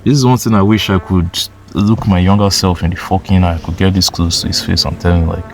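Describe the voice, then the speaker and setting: Low-voiced young man giving blunt advice. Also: fairly even intonation, brisk, soft background music. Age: 20s. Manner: blunt, swearing, heavy use of "like" and "bro"; insistent, repeats points for emphasis. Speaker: motivational YouTuber. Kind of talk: casual motivational monologue.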